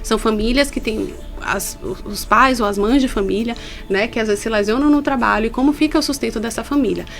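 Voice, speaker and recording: Brazilian woman labor inspector on studio radio, earnest explainer, kinda high voice. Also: fairly quick, gravelly, faint music behind. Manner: explanatory, earnest, stresses key points. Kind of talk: radio interview.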